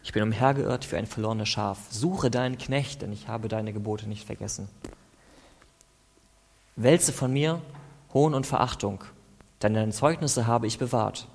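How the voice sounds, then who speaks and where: A man's voice: fairly low pitch, a little slow, creaky, darkish tone. A man reading psalm verses aloud as a devotional, stopping now and then to comment in a plain, conversational way. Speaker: preacher. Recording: long hall reverb.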